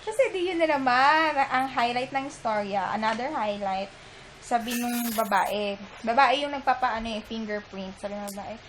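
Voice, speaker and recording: A high-pitched young Filipina mother chats straight to her camera, giggling and wandering through a story as she goes. She talks loosely, like a friend who keeps losing her thread. There is a steady hiss of room noise behind her. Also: moderate pace. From Philippines. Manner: chatty, giggly, rambling. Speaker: mom vlogger. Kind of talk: casual storytelling vlog. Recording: noisy room ambience.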